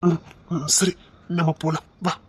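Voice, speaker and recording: A man playing a husky, protective young lover. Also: fairly high pitch, level tone, measured pace. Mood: gentle, puzzled. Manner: tender, soothing, insistent. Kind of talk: romantic drama acting.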